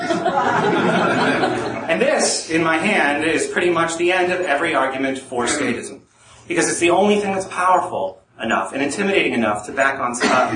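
A man's voice: on the high side, pitched above the performer's own voice, close to an everyday voice. A man playing a smug statist in a 1930s gangster movie accent during a live speech, heard from a distance in an echoey room. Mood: menacing. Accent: 1930s gangster movie accent put on. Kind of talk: live speech role-play. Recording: echoey room, mic at a distance, faint noise.

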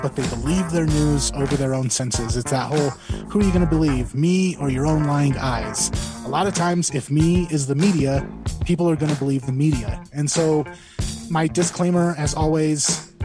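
A man giving an explanatory podcast monologue as host, with emphatic repetition. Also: a little high. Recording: music behind the voice.

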